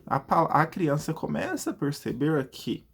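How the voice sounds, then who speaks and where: Brazilian male teacher for an online lesson, slightly husky and breathy, chatty, asks himself questions and answers them, drags out words syllable by syllable. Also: a little high, expressive, measured pace. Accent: Brazilian Portuguese. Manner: stretches out words syllable by syllable to demonstrate.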